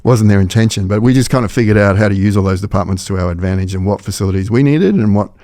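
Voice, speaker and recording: A middle-aged Australian man speaking as a podcast guest, rattling along at a brisk clip in a fairly low, mellow voice. He sounds keen and chatty and circles back over his phrases as he works out his thoughts. The sound is close and dry, with almost no room around him. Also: no echo. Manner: quick, enthusiastic, repeats phrases while thinking. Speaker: podcast guest, company founder. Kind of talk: casual interview talk.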